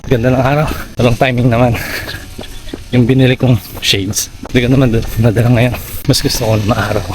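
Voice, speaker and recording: A man's voice: mid-range voice, level tone, a little fast, darkish tone, slight background noise, rough recording. A Filipino man chatting casually to his vlog viewers while running outdoors. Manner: talking while running and walking, exerting. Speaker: running vlogger.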